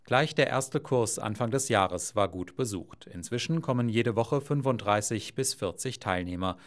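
A man narrating a news report in a measured, scripted voice-over. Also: on the low side, lively intonation.

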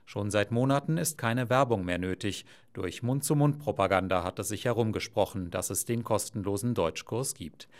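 A man narrating a news report in a measured, scripted voice-over. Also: on the low side.

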